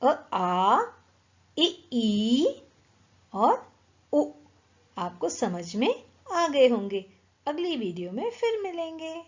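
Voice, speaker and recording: Slow, careful woman teaching young children. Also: high-pitched, big pitch swings. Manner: slow, careful word-by-word pronunciation, repeating each word. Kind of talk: children's Hindi reading lesson. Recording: dull lo-fi recording.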